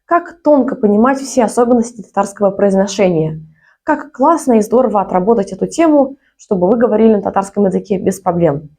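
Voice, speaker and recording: A woman language teacher giving a short pronunciation lesson and promoting her course, explaining each sound clearly. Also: medium pitch, mellow.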